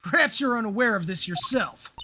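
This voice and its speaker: A woman's voice: a little high, lively intonation, a little fast, sharp tone. A woman voicing an earnest young male defense attorney, declaiming his courtroom lines. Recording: game music playing behind.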